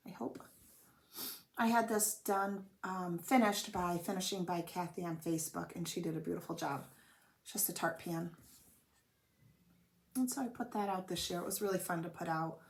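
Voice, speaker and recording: This flosstube host is a chatty woman coughing from a cold, rambling and self-deprecating through a casual show-and-tell. She talks at normal speed in a fairly low voice, with long pauses. She's recording in a home room whose windows are covered with blankets.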